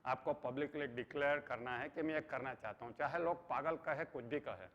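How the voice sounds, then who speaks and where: A man's voice: medium pitch, a little fast, fairly bright tone. A middle-aged man giving an earnest motivational lecture, mixing English phrases into his talk. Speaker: motivational trainer. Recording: dull sound with long hall reverb.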